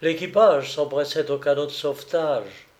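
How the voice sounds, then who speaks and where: A man reading an adventure novel aloud as narrator, in a slow, measured way. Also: on the high side.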